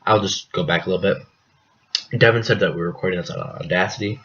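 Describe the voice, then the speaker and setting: A young man from the US Midwest co-hosting a casual podcast, joking and rambling with deadpan asides, coughing now and then. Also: sits low, fast. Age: young adult. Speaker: podcast co-host. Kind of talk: casual chat. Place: apartment living room. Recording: dull lo-fi home recording, faint noise.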